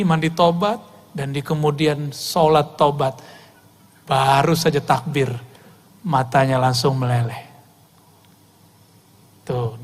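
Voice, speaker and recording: A middle-aged man with an Indonesian accent preaching a sermon in a lively way, asking his listeners questions and acting out little voices. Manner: lively, shifts pitch often, acts out voices and asks the audience.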